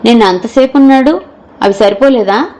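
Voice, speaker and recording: An accusing young husband from an audio novel, jealous and quick to turn on his wife, read by a woman narrator in a raised, pointed voice. The lines come out harsh and demanding. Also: on the high side, a little mellow, voice pushed up, lightly acted. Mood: angry, suspicious. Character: jealous suspicious husband, young adult man.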